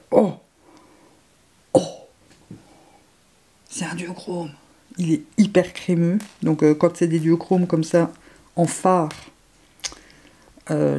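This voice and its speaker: A woman gushing over makeup swatches, excitable, often dropping to hushed murmurs. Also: low voice, creaky, breathy edge. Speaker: beauty vlogger.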